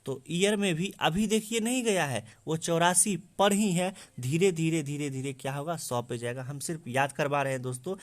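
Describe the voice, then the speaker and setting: A man teaching exam memory tricks, repeating facts over and over and answering his own questions. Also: fairly high pitch. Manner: repetitive, drills answers by asking and answering himself. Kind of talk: explaining memory tricks to students.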